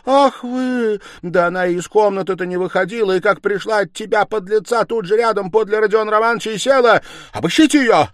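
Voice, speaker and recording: A man's voice: fairly quick, few pauses, dry recording, studio quality, lightly acted. A man voicing a frantic, hysterical impoverished widow, shrieking in fury. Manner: shrill screaming, frantic.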